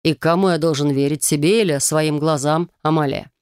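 A narrator voicing a cold, bitter estranged husband with a low, muffled voice and a cutting, sarcastic manner. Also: male voice, steady tone, a little fast, darkish tone, clear, resonant tone, no room sound, studio quality, close to an everyday voice. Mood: icy.

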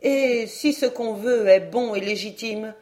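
A woman's voice: a little high, measured pace, a little mellow, lightly acted. A woman voicing an eager, determined young woman who speaks in a pleading, enthusiastic, persuasive way in an audiobook.

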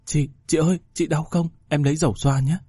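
A man's voice: high voice, lively intonation, moderate pace, dark tone, husky, dry recording, voice pushed up. A man voicing a frightened young schoolgirl who pleads and comforts her older sister in a read-aloud story. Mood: tender. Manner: pleading, childlike.

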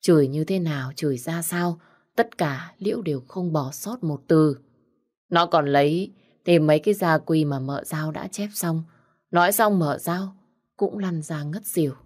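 A woman narrating a storybook tale. Her voice sits low, and she reads in a steady, even manner. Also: unhurried.

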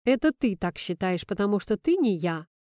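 A woman's voice: medium pitch, big pitch swings, moderate pace, dark tone, no room sound, natural voice. Tired grumbling new father read by a woman, dry delivery, close dry sound. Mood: flat. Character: weary, flustered young single father. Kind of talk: audiobook reading.

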